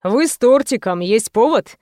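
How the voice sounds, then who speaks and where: A woman voicing a calm, gruffly kind middle-aged father in an audiobook. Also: fairly high pitch, normal speed, no room sound, studio quality, close to an everyday voice. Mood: kindly. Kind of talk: audiobook reading.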